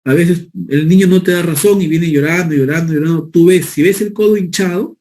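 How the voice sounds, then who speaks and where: A man delivering a medical lecture in a mellow, somewhat high voice. He explains step by step and keeps checking that his listeners follow along. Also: a little fast. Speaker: physician lecturer.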